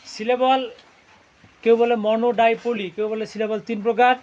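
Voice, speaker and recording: A man's voice: extremely high pitch, little pitch movement, normal speed, a little mellow. A male teacher, leading a classroom lesson and constantly quizzing his students and asking if they follow. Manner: quizzes students constantly, ending lines with "right?". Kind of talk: classroom lesson with call-and-response drilling. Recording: dull lo-fi classroom recording.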